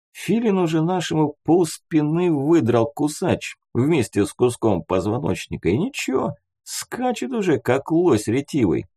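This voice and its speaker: A man's voice: medium pitch, dark tone, slightly rough. A man voicing an easygoing young male student who jokes in casual banter.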